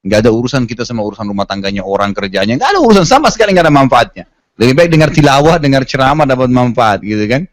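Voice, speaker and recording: A man's voice: medium pitch, animated, rapid-fire, no echo. A man giving a religious lecture, telling stories and acting out the quoted lines in a casual, colloquial way. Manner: storytelling with acted quotes, casual colloquial asides. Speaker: preacher.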